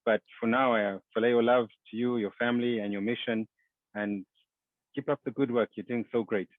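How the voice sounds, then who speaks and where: A man from Zimbabwe hosting a relaxed, friendly interview over a remote call. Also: mid-range voice, moderate pace, no echo. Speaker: podcast host. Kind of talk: casual interview chat. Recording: phone-like remote call audio.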